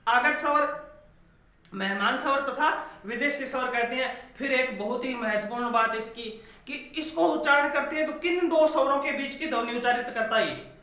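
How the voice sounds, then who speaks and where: High bright-voiced male teacher, echoey room. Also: normal speed. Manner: repeats key points and quizzes students. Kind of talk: classroom grammar lecture. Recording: echoey dull-sounding room.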